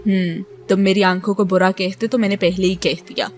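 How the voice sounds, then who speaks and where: A woman voicing a stubborn, quick-witted young female student in a romance audiobook, firing back quick, defiant retorts. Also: medium pitch, steady tone, soft background music, natural voice.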